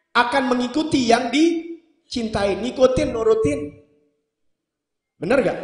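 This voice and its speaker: A middle-aged man preaching a sermon, mixing in jokes and acting out couples' dialogue. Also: sits high. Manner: humorous, acts out quoted couples. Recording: echoey hall sound.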